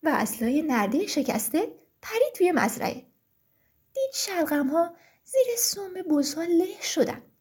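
A woman narrating a children's story in an expressive, sing-song reading. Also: very high voice.

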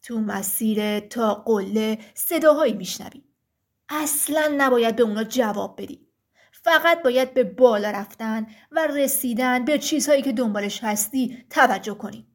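A woman voicing a huge stone giant who gives slow, solemn warnings in a thick deep voice. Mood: stern warning.

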